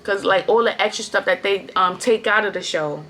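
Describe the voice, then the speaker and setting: A woman on a casual vlog rant, blunt and loose with her swearing, repeating herself as she goes. Her voice sits at a middling pitch, with a faint hum of ambience behind her. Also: moderate pace, a bit bright. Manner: blunt, profane and repetitive. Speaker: reality-show recap vlogger.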